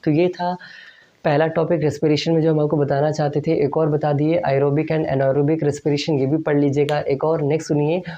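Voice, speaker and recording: Mellow-voiced teacher in a lo-fi online lesson. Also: medium pitch, flat delivery. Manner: explains at a board, asks and answers own questions; slow drawn-out stress on key terms, frequent "okay".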